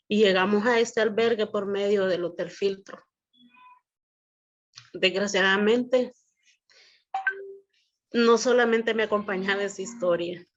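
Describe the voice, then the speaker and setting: A woman giving an earnest personal testimony in a measured way. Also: medium pitch. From El Salvador. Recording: dull lo-fi audio.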